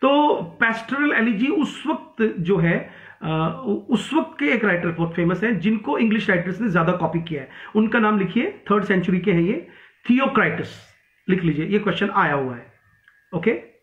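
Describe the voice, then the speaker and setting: This online exam-prep lecture comes from a high-voiced male English literature teacher who switches between Hindi and English and often uses fillers and restarts. His intonation is lively and a bit bright at a normal speed, heard through tinny, phone-like audio with a noticeable room echo.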